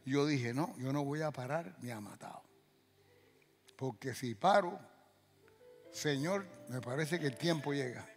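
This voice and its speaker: An older man from Cuba, a pastor telling a story in a sermon, animated and acting out dialogue and sound effects. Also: mid-range voice, measured pace, vocal fry, long pauses, big-room sound, faint music behind.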